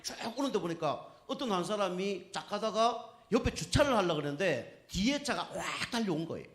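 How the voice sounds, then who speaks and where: Male pastor, conversational sermon delivery, lively intonation, keeps checking in with listeners. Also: high voice, normal speed. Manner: conversational preaching, with frequent tag questions to the congregation; acts out quoted speech in anecdotes.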